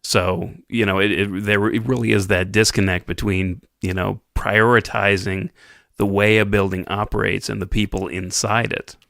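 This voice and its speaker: A man hosts a casual interview, speaking in halting stops and restarts. His voice is low. The recording is dry with no room sound. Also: level tone, gravelly, fairly bright tone, dry recording. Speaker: podcast host.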